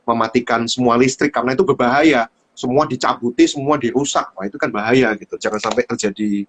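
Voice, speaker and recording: A man hosting a casual livestream chat, telling a story with animated delivery and lots of fillers. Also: mid-range voice, fast talker, slight background noise. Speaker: host. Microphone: livestream phone.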